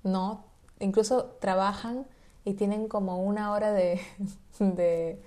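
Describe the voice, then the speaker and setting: A woman's voice: mid-range voice, slow pace. A woman from Peru, a graduate student chatting fluently and at length in a casual conversation. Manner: fluent, talkative, lively storytelling. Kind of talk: casual chat.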